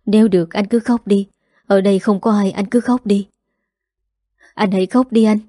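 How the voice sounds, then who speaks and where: A woman voicing an older man who gently soothes a grieving friend. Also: mid-range voice, steady tone, normal speed, dry recording, studio quality, natural voice. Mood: consoling. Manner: soothing, pleading.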